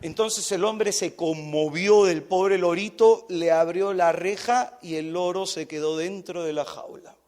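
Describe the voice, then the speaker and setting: A man's voice: sits high, a little slow, few pauses. A young adult man preaching a sermon to women, telling stories and acting out the people in them. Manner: animated storytelling, acts out voices.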